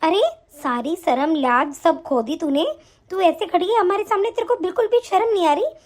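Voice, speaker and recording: A woman voicing a stern older mother-in-law in an animated story, with a harsh, nagging delivery pitched below her own voice. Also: moderate pace. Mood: scolding.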